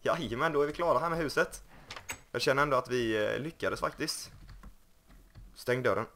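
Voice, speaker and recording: A man's voice: medium pitch, fairly bright tone, slight background noise. A young man casually commenting on his game, joking and mocking himself. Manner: joking, self-mocking, puts on silly voices. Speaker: gaming YouTuber. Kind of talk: casual Let's Play commentary.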